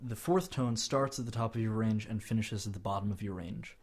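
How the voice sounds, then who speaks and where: Wry low-voiced male co-host. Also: fairly quick, darkish tone. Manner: wry, sarcastic. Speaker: podcast co-host. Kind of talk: casual language lesson chat.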